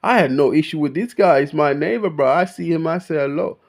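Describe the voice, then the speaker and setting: Here the Kenyan-born vlogger, who grew up in Australia, sounds fairly high-pitched and gravelly, speaking a little fast. It's a loose, unscripted rant from a young man, heavy on slang and emphasis, with "bro" in nearly every breath.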